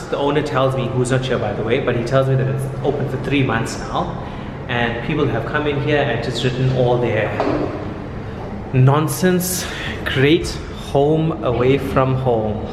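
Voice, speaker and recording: A man's voice: mid-range voice, noisy background. Chatty man. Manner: chatty, informal, addressing viewers as guys. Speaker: vlogger, airline cabin supervisor. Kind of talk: casual vlog chat to camera.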